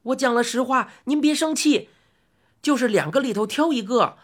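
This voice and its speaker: A woman voicing a nervous little shopkeeper man who pleads in a high, squealing voice. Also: moderate pace, lightly acted. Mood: pleading.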